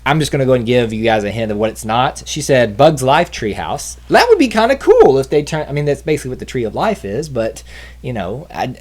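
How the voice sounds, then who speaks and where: A man with a Southern accent co-hosting a relaxed trivia stream. He talks in an eager, rambling way, breaking off mid-sentence, and his mid-range voice swings widely in pitch. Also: brisk. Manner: enthusiastic, rambling, self-interrupting. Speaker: trivia show co-host. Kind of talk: casual livestream trivia chat.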